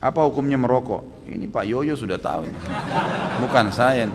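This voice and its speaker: A man preaching and answering audience questions in a religious lecture. He talks in an animated, emphatic way and jumps sharply upward to stress his rulings. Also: mid-range voice, moderate pace, big-room sound, slight background noise.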